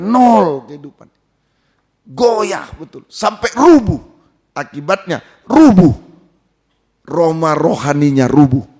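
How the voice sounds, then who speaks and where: A male pastor from Indonesia delivers an emphatic sermon. His voice sits a little high for a man and leaps about in pitch. He swings between loud exclamations and quiet asides, questioning the listeners.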